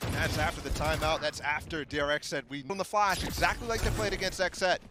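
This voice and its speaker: A man's voice: fairly high pitch, quick pace. A man giving live esports caster commentary with short analytical remarks. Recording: noisy game gunfire and clicks behind.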